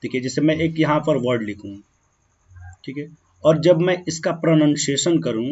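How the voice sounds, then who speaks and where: A man teaching a grammar lesson, slowing down as he writes words out and often checking that students follow. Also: fairly high pitch, a little mellow, breathy edge. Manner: keeps checking in with "ठीक है ना" and "clear है"; slow, drawn-out when writing words. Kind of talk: grammar lesson explaining on a board. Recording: dull, muffled lo-fi sound.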